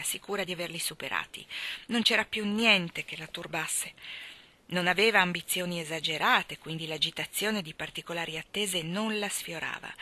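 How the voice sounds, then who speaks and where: A woman reading a novel aloud, narrating steadily and lifting her voice for the dialogue. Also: fairly low pitch. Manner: expressive, voices the dialogue with rising excitement. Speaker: reader.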